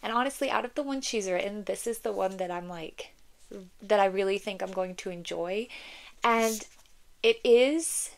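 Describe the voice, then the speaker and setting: A young book vlogger talks casually from home, sounding a bit congested from a cold, and her speech is loaded with "like" and "um." Her mid-range voice moves at a moderate pace with some vocal fry. Chatty throughout, she mixes conversation with reading blurbs aloud.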